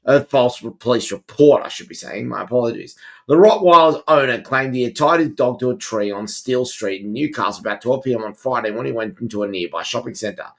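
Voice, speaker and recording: A man's voice: mid-range voice, a little fast, vocal fry. A male podcast host chatting casually and reading news stories aloud, now and then stumbling and correcting himself.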